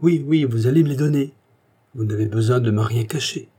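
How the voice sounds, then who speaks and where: A fussy royal hairdresser in a frantic state, his voice pushed high and breaking into wails, as a male narrator puts him on. The tone stays husky and soft underneath. It is an audiobook performance. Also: brisk, lightly acted. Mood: insistent. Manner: frantic, wailing, overexcited.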